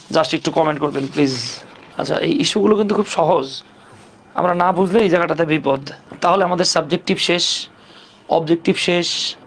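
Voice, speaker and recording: A man's voice: a little high, vocal fry, slight background noise. A man teaching English grammar in a casual, step-by-step way, asking rhetorical questions and joking in colloquial speech. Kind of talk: casual classroom lesson.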